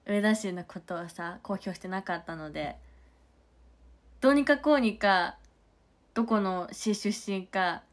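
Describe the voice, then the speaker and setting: A young woman from Nagano chatting casually on a livestream and thanking viewers for their comments between stories. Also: medium pitch. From Nagano, Japan. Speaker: idol livestream host.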